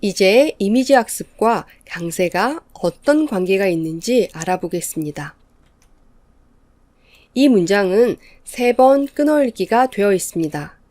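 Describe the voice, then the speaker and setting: Measured woman teaching in a dry, mellow voice. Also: mid-range voice, expressive, no echo. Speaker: English teacher. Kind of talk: scripted lecture narration.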